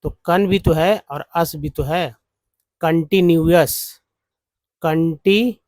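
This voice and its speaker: A man teaching English phonics from slides, explaining word parts slowly. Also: a little high, darkish tone, no room sound. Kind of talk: slide-based phonics lesson.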